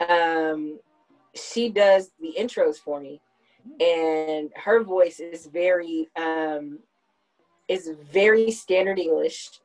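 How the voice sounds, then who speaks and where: In a rough recording, a podcast host in her thirties speaks in a lowish, darkish voice. She chats casually and reflectively, explaining things at length in conversation.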